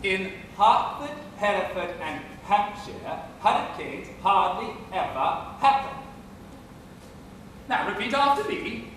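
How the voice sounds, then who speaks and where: A man's voice: extremely high pitch, expressive, bright, forceful tone, a little hiss or hum, heavily acted. Higgins, a man playing a pompous professor. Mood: lecturing. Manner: brisk, commanding, lecturing. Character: impatient, pompous male phonetics professor. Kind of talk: amateur stage play. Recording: echoey stage, distant mic.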